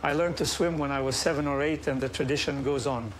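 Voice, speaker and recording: A man's voice: on the high side, fairly even intonation, fast, slight background noise. A man in his fifties, a baker, chatting casually and repeating himself as he walks by a harbour. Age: 50s. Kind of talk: casual chat on a walk. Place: outdoors at an old harbour.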